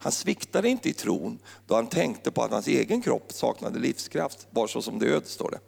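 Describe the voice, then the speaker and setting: Gravelly, lively male preacher in a hall. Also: mid-range voice. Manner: playful, joking preacher with wordplay. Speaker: pastor. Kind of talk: sermon.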